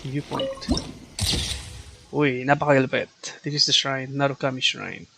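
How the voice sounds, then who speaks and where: This male game streamer, a native Tagalog speaker with a Filipino accent, gives chatty livestream commentary, moving between Tagalog and English. His voice is mid-range and gravelly at a normal speed, with game music behind him.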